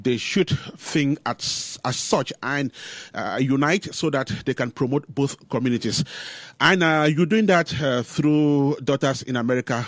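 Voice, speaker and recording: A male radio host speaks into a studio microphone at a medium pitch. He is measured and leans on filler pauses, and the sound is dry and close. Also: fairly bright tone, no room sound. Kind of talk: radio interview.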